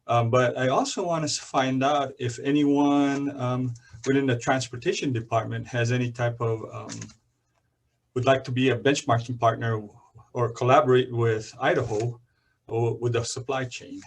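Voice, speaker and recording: A man on a video call asking for partners, halting and laughing now and then. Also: medium pitch, fairly even intonation, a little hiss or hum. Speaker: forum participant seeking partners. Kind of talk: casual talk on a video call.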